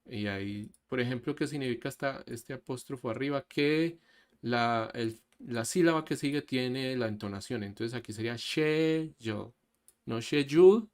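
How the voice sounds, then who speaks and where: A man teaching an online English class, explaining slowly and mixing Spanish with English. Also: mid-range voice. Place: online class over a video call. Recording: faint background music. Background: soft background music.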